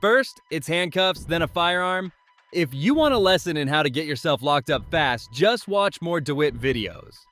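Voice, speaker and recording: A man's voice: a little high, animated, normal speed, fairly bright tone, soft background music. Scornful male commentary narrator. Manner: scornful, mocking. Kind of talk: scripted commentary voice-over.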